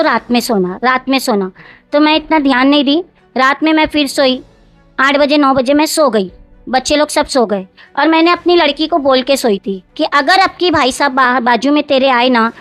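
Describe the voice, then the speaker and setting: A woman speaking gives a long account in an interview. Her voice sits high, and she circles back, repeats herself and quotes others word for word. Faint music plays behind her. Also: no room sound. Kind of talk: recounting events in an interview.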